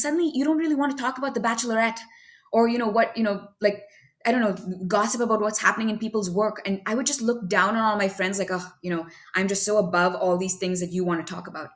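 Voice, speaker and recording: A woman sharing her personal recovery story at a meeting, talking candidly and chattily with lots of fillers and self-mocking asides. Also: medium pitch.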